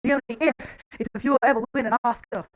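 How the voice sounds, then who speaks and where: A man's voice: very high-pitched, fairly even intonation, fast talker, low-quality recording. A man taunting his rival defiantly in a wrestling promo role-play. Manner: defiant, taunting trash talk.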